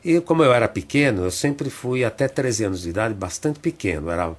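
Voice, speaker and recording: Older husky-voiced Brazilian man reminiscing. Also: medium pitch, animated. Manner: unhurried reminiscing, frequent tag questions. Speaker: theatre director, interview guest. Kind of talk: reflective storytelling in a radio interview. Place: radio studio.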